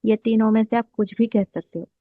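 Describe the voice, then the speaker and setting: An Arabic teacher with a slightly high, steady voice gives a slow, patient lesson, repeating each term as she writes it out. The audio is dry and tinny, as if heard over a phone, with no room sound.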